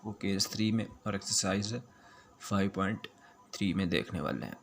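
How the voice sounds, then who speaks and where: A man's voice: sits low, normal speed, creaky, slight background noise. A man teaching a math lesson, explaining each step patiently and repeating key points.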